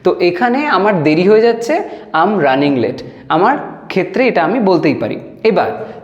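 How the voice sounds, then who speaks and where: A man's voice: high voice, big pitch swings, lo-fi sound. Patient teacher man in an echoey room. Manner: patient, repeats phrases slowly word by word. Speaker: English teacher. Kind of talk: spoken English lesson. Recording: echoey room with long reverb.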